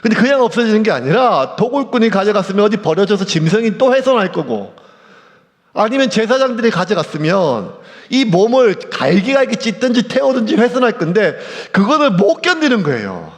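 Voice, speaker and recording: Gravelly, animated Korean pastor preaching. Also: male voice, high-pitched, fairly quick. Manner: emotional preaching, drops to hushed near-whispers. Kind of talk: sermon. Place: church sanctuary. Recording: church hall reverb.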